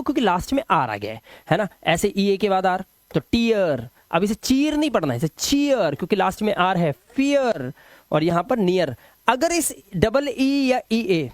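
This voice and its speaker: A man teaching English phonics rules, saying sample words slowly and repeating them, and asking his students whether they follow. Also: high voice, dry recording, studio quality. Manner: explains patiently, repeats words slowly and asks checking questions. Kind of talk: classroom phonics lesson.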